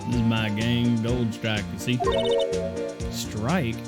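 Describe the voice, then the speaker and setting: A man voicing a swaggering cowboy detective with a put-on Texan drawl, over loud game music. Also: medium pitch, little pitch movement, pitched below the performer's own voice, natural voice. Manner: slow Western drawl.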